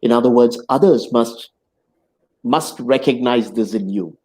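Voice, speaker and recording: Slow, reflective middle-aged male host. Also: mid-range voice, darkish tone, poor audio. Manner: measured, reflective, philosophical. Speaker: host and interviewer. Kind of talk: reflective interview hosting. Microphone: video call.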